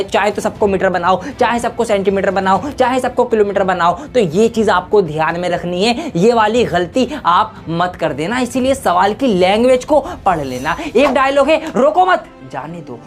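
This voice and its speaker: A woman teacher giving students emphatic warnings about exam mistakes, speaking straight to them. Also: mid-range voice. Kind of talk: exam tips lesson to students.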